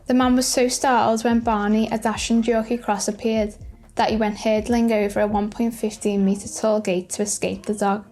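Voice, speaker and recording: A woman's voice: mid-range voice, flat delivery, moderate pace, a little mellow. A woman reading scripted narration for light news video clips. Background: music.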